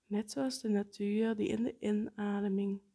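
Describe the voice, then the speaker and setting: A woman guiding a breathing meditation in a soft, partly whispered, unhurried way. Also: mid-range voice, level tone. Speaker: meditation guide.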